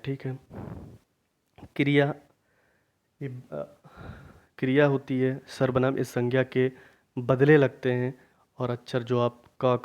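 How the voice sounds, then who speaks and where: A man teaching a grammar lesson for exam preparation, asking questions and then answering them himself, repeating key points slowly. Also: mid-range voice, darkish tone, clear, resonant tone. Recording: dull lo-fi recording.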